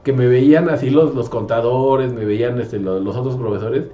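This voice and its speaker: Mellow man, rambling chat. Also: medium pitch, steady tone, normal speed. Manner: rambling, many fillers and restarts. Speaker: host, math teacher. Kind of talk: casual conversation. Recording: roomy, slightly dull sound.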